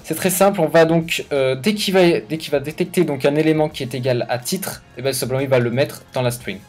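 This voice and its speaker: A man's voice: a little high, a little fast, a little mellow, faint music behind. A man hosting a casual coding tutorial, thinking aloud with hesitations and self-corrections in an informal, slangy way. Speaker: YouTube tutorial host.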